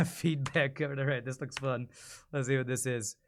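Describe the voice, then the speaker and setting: This streamer and amateur voice actor in his forties mulls things over aloud while reading and reacting on a casual livestream. His medium-pitched voice is fairly even at a normal speed, with a little hiss or hum in the audio.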